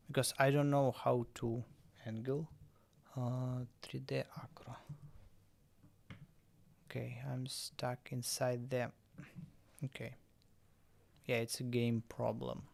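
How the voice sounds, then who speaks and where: Slow gravelly man with English. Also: mid-range voice, flat delivery. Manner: halting, self-correcting non-native English. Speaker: streamer. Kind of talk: casual game stream chat.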